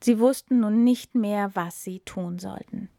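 Woman reading a fairy tale, calm and expressive, dry close sound. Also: medium pitch, measured pace, gravelly, no echo. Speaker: storyteller. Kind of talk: storybook narration.

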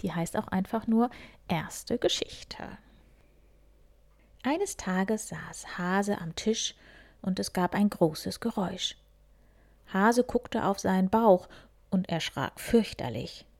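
A woman softly whispering a children's story, reading one tale after another. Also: medium pitch, animated, slow, pauses often. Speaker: reader.

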